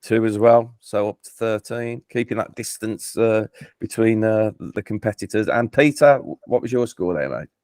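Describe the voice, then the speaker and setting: A man from England with a Birmingham accent hosts a casual football quiz, chatty and self-deprecating, often stumbling and restarting sentences. His voice is lowish and a little mellow at a moderate pace. The studio recording is clean, with no room sound.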